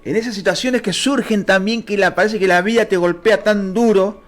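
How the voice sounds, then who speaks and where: A man with a Rioplatense Spanish accent teaching the Bible in a fervent, emotional sermon that swings between low and high pitch. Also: moderate pace, soft background music.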